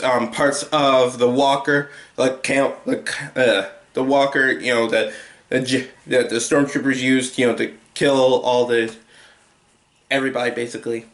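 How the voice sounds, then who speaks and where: A man's voice: mid-range voice, fairly even intonation, a little slow, fairly bright tone, roomy sound. A young man giving a casual, rambling movie review at home, full of restarts and filler words. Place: home room with a TV.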